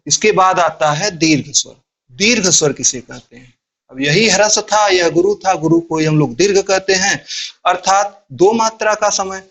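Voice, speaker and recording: A man with a high voice teaches a grammar lesson. He explains each point slowly and deliberately, step by step, and keeps asking his class questions that he then answers himself. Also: a bit bright.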